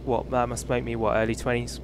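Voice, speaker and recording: An Englishman in his thirties hosts a livestream of a driving game, chatting casually in a rambling, self-mocking way with a British accent. His mid-range voice barely shifts in pitch and moves quickly. Truck engine and road noise from the game run behind him.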